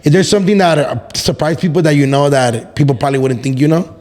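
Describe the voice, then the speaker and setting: Halting male podcast host from Los Angeles. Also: fairly high pitch, a little mellow, big-room sound. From Los Angeles, California. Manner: halting, repeats words, swears casually. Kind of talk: casual podcast chat.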